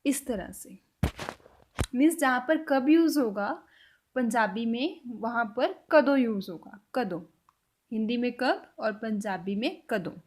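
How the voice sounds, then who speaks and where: A woman with a high, light voice gives a spoken language lesson. She says each example phrase slowly and with care, then lets her voice sink quietly as she wraps up each point. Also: lively intonation. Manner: drops to a quiet close at the end of each point. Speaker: language teacher.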